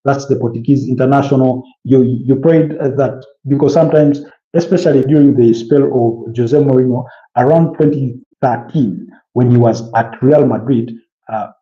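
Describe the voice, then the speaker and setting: A man in his early thirties talks football on a casual show, piling up player names between fillers and false starts. His voice sits at a middling pitch. The sound is muffled and lo-fi, with a noticeable room echo. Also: moderate pace. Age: early 30s. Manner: rambling, many fillers and restarts, lists player names. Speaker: football pundit. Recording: roomy, dull lo-fi sound.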